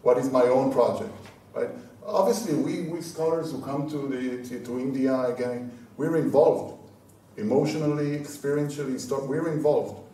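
Mellow man in a very echoey room. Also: mid-range voice, moderate pace. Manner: self-interrupting, repeats words as he thinks. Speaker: scholar on a translation panel. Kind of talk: informal panel talk. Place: indoor seminar room. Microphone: handheld microphone. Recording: echoey, distant, noisy room.

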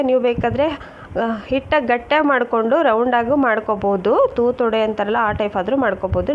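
Woman, slightly high voice, friendly chatty cooking-channel host; dull lo-fi home-kitchen recording. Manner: chatty, keeps calling viewers friends and urging them to look. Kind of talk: casual cooking demonstration. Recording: dull lo-fi sound with faint noise.

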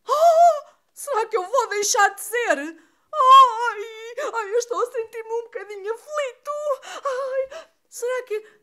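A woman's voice: very high-pitched, pushed and bright, heavily acted. Woman doing a sighing, fretful Santa Claus. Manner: constant sighing and moaning, chuckling ho-ho laughs. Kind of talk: puppet theatre acting.

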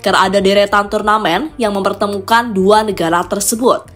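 A woman narrating a scripted sports news segment in an even, read-out delivery. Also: mid-range voice, fairly quick. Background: background music.

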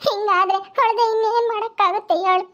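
A woman's voice: very high-pitched, fairly even intonation, fast talker, a bit bright, highs cut off. A woman playing a weepy cast-out village wife. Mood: lamenting. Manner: tearful, lamenting, sighs often. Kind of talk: village comedy skit.

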